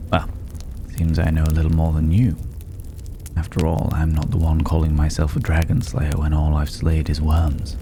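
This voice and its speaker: In an intimate ASMR roleplay, a man with a very deep, dark voice plays a regal, teasing drifter who is secretly a dragon. He sounds wry and amused, speaking unhurriedly and condescendingly with drawn-out pauses, over clearly audible background noise.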